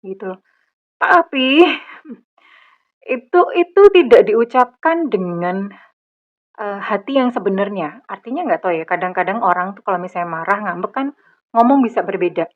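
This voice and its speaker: A middle-aged woman giving a general tarot reading, chatty and animated, with many fillers. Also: medium pitch. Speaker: tarot reader. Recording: slightly dull lo-fi recording.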